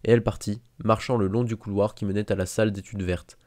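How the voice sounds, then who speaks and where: Low, mellow male audiobook narrator. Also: steady tone, fast, dry recording, clean studio sound. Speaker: audiobook reader.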